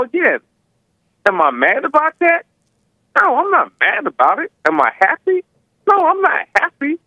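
A higher-voiced man phones in to a talk show over a narrow, tinny line. His words are slightly slurred with slushy s sounds, and he talks casually, repeating words as he goes. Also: pushed and bright, no echo.

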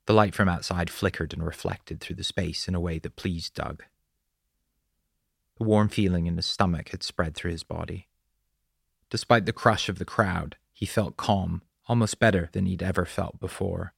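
A man narrating an audiobook in a measured, descriptive storytelling manner. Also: low-pitched, steady tone, creaky, slightly rough, no room sound, clean studio sound.

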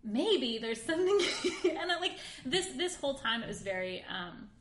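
A woman's voice: fairly high pitch, big pitch swings, normal speed, fairly bright tone. A woman in her late twenties telling a long, rambling, self-deprecating story as a podcast co-host, full of "like" fillers. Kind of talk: casual storytelling chat. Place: home room in Queens. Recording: roomy echo.

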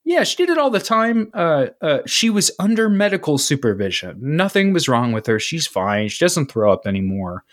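A man's voice: very animated, normal speed, hardly any pauses. A man co-hosting a podcast, telling a long story in casual chat with lots of fillers and restarts. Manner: rambling storyteller, lots of filler and restarts, swings pitch for quoted voices. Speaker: podcast co-host.

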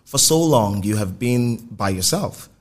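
A man's voice: lowish voice, lively intonation, measured pace. A man interviewing casually, probing and rephrasing his questions as he goes.

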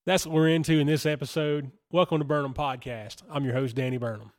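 A talkative man hosting a podcast from a small studio, his voice sitting a bit higher than most men's. He wanders through his thoughts in a loose, friendly chat. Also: fairly even intonation, fast talker, faint music behind. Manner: chatty and rambling, thinks out loud. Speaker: podcast host.

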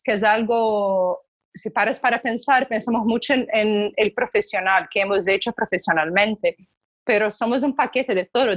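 A woman from Brazil, speaking Spanish with a Brazilian Portuguese accent as a podcast co-host, chatting casually and thoughtfully with small hesitations. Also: mid-range voice.

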